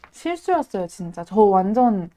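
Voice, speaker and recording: A woman hosting a casual live stream, excitable and dramatic, often laughing and reacting to viewer comments. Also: mid-range voice, slow pace.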